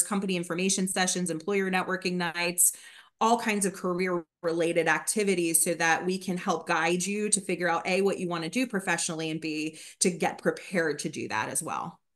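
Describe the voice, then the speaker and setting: A woman giving an upbeat, enthusiastic informational talk about a graduate program's career support, restarting phrases now and then. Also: lowish voice. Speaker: guest presenter from a graduate program.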